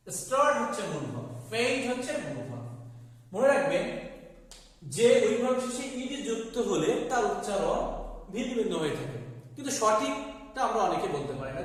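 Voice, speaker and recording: High-voiced man teaching in an echoey hall. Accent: Bengali. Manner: addresses viewers repeatedly, drills words by repetition. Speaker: English teacher. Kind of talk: video lesson on English pronunciation. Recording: very echoey, distant hall sound.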